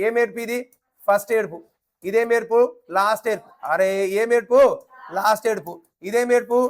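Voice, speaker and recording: A man teaching a nursing exam class, quizzing students and repeating key playfully. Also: high voice. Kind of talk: classroom lecture with call-and-response questions.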